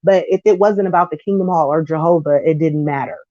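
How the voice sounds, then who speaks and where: A deep-voiced woman in her thirties vlogs a blunt, slangy opinion monologue to camera, full of animation and mocking voices. There's no room sound, and the audio is lo-fi.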